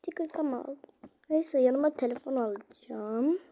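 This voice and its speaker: A young woman vlogger narrates casually while she plays a game, chatting straight to her viewers. Her voice is high and dark in tone, and she takes her time.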